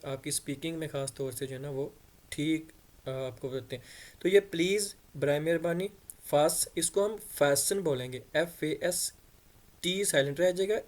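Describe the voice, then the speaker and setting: A man teaching English patiently, repeating phrases and spelling words out letter by letter. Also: a little high. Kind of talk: explaining English in Hindi-Urdu.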